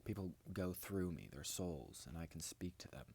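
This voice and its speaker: A man with a very low, husky voice talks straight to his viewers in a casual vlog. He rambles from one idea to the next with grandiose confidence. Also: expressive, moderate pace, a little mellow. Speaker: vlogger.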